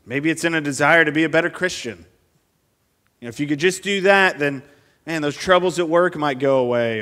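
Earnest male preacher at a pulpit microphone, voice pitched a bit high for a man, pressing the congregation with one question after another. He is preaching in a church sanctuary. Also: fairly bright tone, in a large hall. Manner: earnest, asks the congregation many rhetorical questions. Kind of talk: expository sermon.

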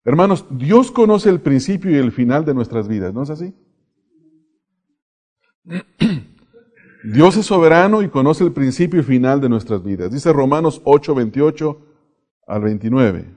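A man's voice: medium pitch, expressive, unhurried, pauses often, a little mellow. A man preaching a sermon as a pastor, asking rhetorical questions and letting his voice rise and fall. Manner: rising and falling preaching cadence, rhetorical questions.

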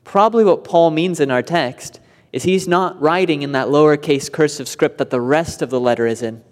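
In a church with long, echoing reverb, a man delivers an expository sermon in a fairly high voice at a moderate pace. He explains things step by step and rises to earnest emphasis whenever a point matters.

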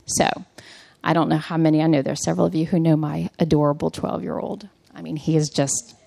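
A woman's voice: sits low, fairly even intonation, a little fast, vocal fry, mellow, no room sound. A woman in her thirties giving a personal devotional talk to a mothers' group, telling a story with humor in a chatty way.

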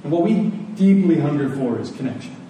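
Delivering a sermon at a fairly quick clip, this man sounds warm and animated, his voice on the high side. He drives points home to the congregation with rhetorical questions and repetition, captured by a far-off mic in a highly reverberant room with slight noise.

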